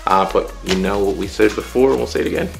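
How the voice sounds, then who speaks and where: A man's voice: on the low side, fast talker, gravelly, soft background music. A man reviewing DJ lighting gear in a casual, chatty vlog, thinking aloud as he sets up. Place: indoor room with DJ gear.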